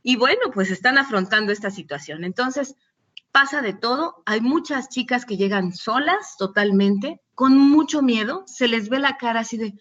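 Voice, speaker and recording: A woman's voice: fairly high pitch, lively intonation, moderate pace, fairly bright tone, lo-fi sound. A middle-aged Mexican woman, a doctor, giving a conversational recorded lecture with frequent restarts and fillers. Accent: Mexican Spanish. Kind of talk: recorded lecture with patient anecdotes.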